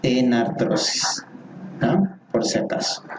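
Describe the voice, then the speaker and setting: Slow, repetitive male anatomy lecturer. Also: medium pitch, a little mellow, a little hiss or hum. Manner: slow, repeats key terms, asks the class questions. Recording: echoey room, voice from far off.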